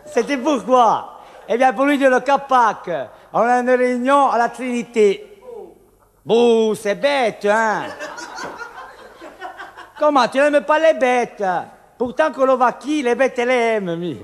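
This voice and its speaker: A Corsican comedian performs a comic monologue packed with wordplay, acting out the voices in a story set in a bar. His voice is very high and unhurried, heard in a large hall.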